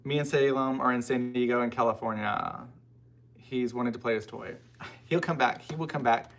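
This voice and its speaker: This American livestreamer talks informally with his audience at normal speed, reading their comments and responding in a rambling manner with lots of side comments. His medium-pitched voice is steady and fairly bright, and slight background noise can be heard.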